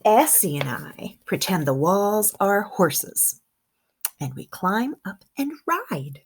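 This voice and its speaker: With a mid-range voice and a slow pace, a female kindergarten teacher reads a picture book expressively to young children, chatting and asking them questions along the way. A faint hiss or hum can be heard.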